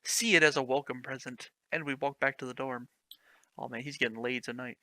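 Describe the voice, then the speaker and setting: Reading awful fan fiction for laughs, this man mocks the text, giggles and swears openly between lines in a comedic dramatic performance. He has a mid-range, steady voice that is bright and forceful, moving fairly quickly, on a dry recording.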